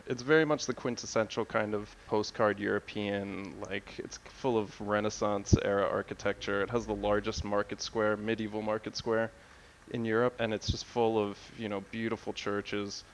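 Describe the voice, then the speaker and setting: An American man in his thirties, a guest on a travel podcast, talking in a relaxed, rambling way with many fillers. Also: fairly low pitch, moderate pace, slight background noise, rough recording. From United States. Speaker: guest, city guide editor. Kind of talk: casual podcast interview.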